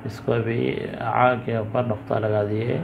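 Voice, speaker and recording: A man teaching the Urdu alphabet, sounding out each letter patiently and repeating it loudly. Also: mid-range voice, flat delivery, slow, creaky. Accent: Indian Urdu. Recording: dull lo-fi recording with faint background hiss.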